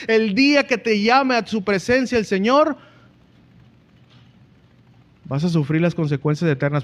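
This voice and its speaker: A man's voice: high-pitched, a bit bright. A man with a Mexican Spanish accent preaching a sermon earnestly as a pastor, often calling out to the congregation.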